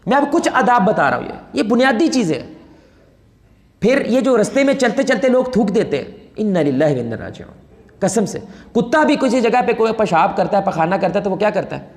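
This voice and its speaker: A man with a Pakistani Urdu accent giving an animated sermon, asking the audience questions. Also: high voice, echoey room, in a large hall. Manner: animated, asks the audience questions, mixes in Punjabi quotes. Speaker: preacher.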